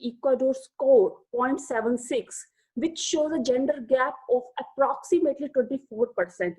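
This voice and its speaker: A woman's voice: sits high, a little mellow, husky, low-quality recording. A woman hosting an interview over a video call, reading a formal introduction and asking long questions. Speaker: interview host.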